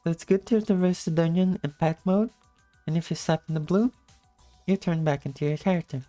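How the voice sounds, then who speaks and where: A woman with a low-energy, just-woke-up morning voice giving a casual gameplay tutorial in commentary style. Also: brisk, warm tone, soft background music. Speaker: video game guide narrator.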